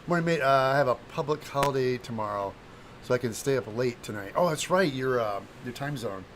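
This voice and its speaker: A slightly hungover man with a phlegmy throat, hosting a casual craft livestream in a halting, distracted, apologetic way while he works and chats to viewers. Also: medium pitch, expressive, a little hiss or hum. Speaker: livestream host, craft demonstrator.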